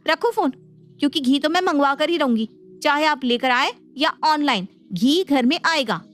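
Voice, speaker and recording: A woman voices a headstrong young daughter-in-law in a cartoon. She is sassy and quick to talk back. Her voice runs high. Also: expressive, fairly bright tone, faint music behind.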